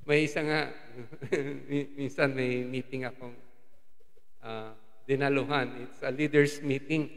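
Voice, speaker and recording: A man's voice: mid-range voice, fairly even intonation, slow. A man with a Filipino accent preaching a sermon as a lay preacher, slipping English phrases into his Tagalog. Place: church hall. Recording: long hall reverb.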